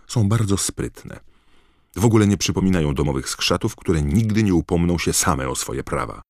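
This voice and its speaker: A man's voice: deep voice, expressive, normal speed, darkish tone, no room sound, studio quality, voice pushed up. A man voicing a clever, indignant teenage schoolgirl witch in an audiobook, lecturing and biting. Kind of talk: audiobook character voice.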